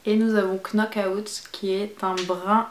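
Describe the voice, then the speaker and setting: Female beauty vlogger, casual and enthusiastic, mid pitch, roomy echo. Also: level tone, slow pace, a little hiss or hum. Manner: chatty, enthusiastic describing shades. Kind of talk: casual makeup review.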